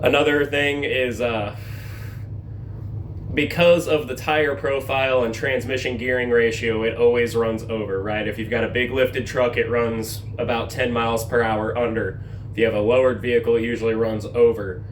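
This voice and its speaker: Casual man mechanic over clear vehicle noise. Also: mid-range voice, little pitch movement, moderate pace. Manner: informal, folksy mechanic's way of explaining. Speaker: amateur mechanic presenting a truck repair. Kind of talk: casual hands-on mechanic how-to talk to camera. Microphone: handheld camera held while working.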